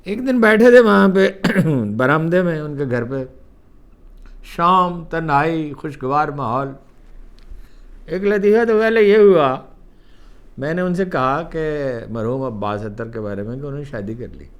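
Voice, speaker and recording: An older man with a Pakistani Urdu accent telling personal anecdotes in a lively way, acting out the quoted remarks. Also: fairly high pitch, smooth. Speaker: columnist recounting memories. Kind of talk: storytelling anecdotes.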